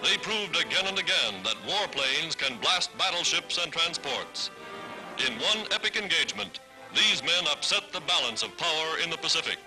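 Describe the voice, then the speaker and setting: A man's voice: a little high, very animated, normal speed, music in the background, low-quality recording. Dramatic 1940s newsreel narrator, a man. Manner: dramatic, declamatory announcing.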